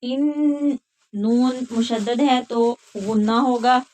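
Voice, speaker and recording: A woman teaching a tajweed lesson, patiently explaining each rule and then chanting the verses slowly. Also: fairly high pitch, fairly even intonation, a little mellow. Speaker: Quran recitation teacher.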